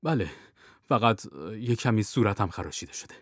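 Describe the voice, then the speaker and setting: Guy reading a curt spy giving quick orders, bouncy delivery, dry mic. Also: lowish voice, lively intonation, no room sound, voice pushed down. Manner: clipped, urgent orders. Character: cool, commanding male secret agent.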